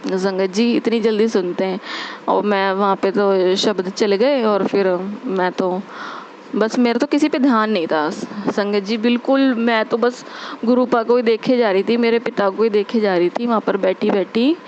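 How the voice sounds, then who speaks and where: A young woman telling a heartfelt spiritual testimony, earnest and repetitive, with many pauses and fillers. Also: mid-range voice, darkish tone, a little hiss or hum. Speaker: devotee sharing a testimony. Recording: dull lo-fi recording.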